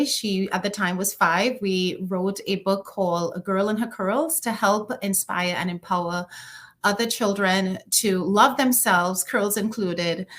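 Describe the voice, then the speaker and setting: A woman's voice: mid-range voice, a bit bright. A woman from Trinidad and Tobago with a Trinidadian accent, giving a cheerful, friendly self-introduction as a panelist. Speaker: panelist, small business owner.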